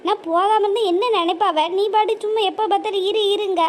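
A scheming daughter who scolds and nags in quick, sharp bursts, as a woman voices her. Her rides on a very high voice. Faint ambience hums underneath. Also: steady tone, a little hiss or hum. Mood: scolding. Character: scheming impatient grown daughter. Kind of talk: cartoon voice acting.

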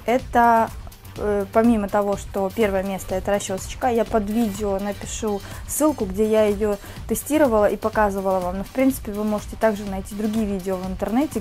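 Speaking at a medium pitch, this young woman sounds a little stuffed up from a slight cold. She's a beauty vlogger talking casually to camera in a small room on a lapel mic, leaning on fillers and gentle diminutives.

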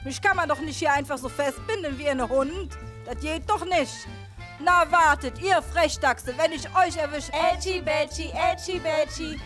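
A grumpy, bossy dog catcher from a children's puppet show. He scolds and huffs in a high, indignant voice. Faint music plays behind him. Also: moderate pace, a bit bright.

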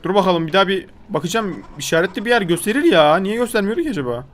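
A man's voice: sits high, sing-song, fast, slight background noise. A man. He sounds chatty and exasperated, and keeps scolding the character on screen. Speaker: gaming video host. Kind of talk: gameplay commentary.

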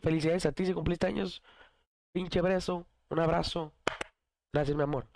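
A man with a Mexican Spanish accent, chatting casually on a morning live stream, slangy and hyped, his voice a little rough from a cough. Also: fairly high pitch, steady tone, normal speed, darkish tone, a little hiss or hum.

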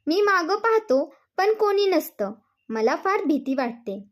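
A woman voicing a scared young disciple, high and pleading, his worry spilling out to his teacher in a folk tale read aloud. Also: sing-song, a little slow, full character voice. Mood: fearful. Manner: anxious, pleading. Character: frightened young male disciple.

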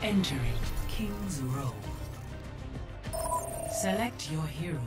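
An actress voicing a calm video game announcer giving measured, formal match announcements. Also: female voice, low voice. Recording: distant game announcer over loud music.

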